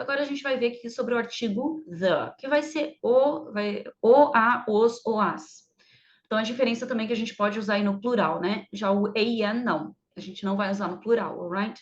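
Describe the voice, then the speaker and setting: Chatty woman teacher, fairly high voice. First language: Portuguese. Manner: slow, exaggerated English examples within chatty explanation. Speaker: English teacher. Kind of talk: explaining English grammar to Portuguese speakers. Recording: slightly dull, lo-fi sound.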